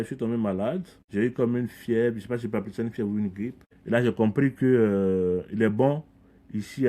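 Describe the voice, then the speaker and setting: Speaking with a medium-pitched, slightly mellow voice, a middle-aged man from Ivory Coast talks as a podcast guest in a conversational interview. A community leader, he comes across as earnest and reflective, frequently repeating words when restarting phrases.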